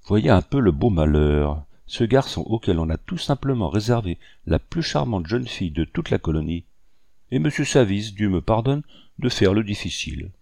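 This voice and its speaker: Give me a man playing a brusque, blustering older father with a low voice. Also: sing-song, normal speed, creaky, warm tone, dry recording, studio quality, full character voice. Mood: scolding. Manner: brusque, scolding.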